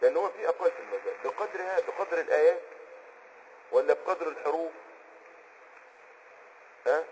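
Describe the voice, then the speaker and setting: A man with an Egyptian accent teaching Islamic jurisprudence in a conversational explanatory lesson, often pausing on a filler word while he hunts for a term and checking that the listener is following. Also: fairly high pitch, expressive, a little mellow, a little hiss or hum, poor audio. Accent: Egyptian Arabic. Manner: checks on the listener with quick asides.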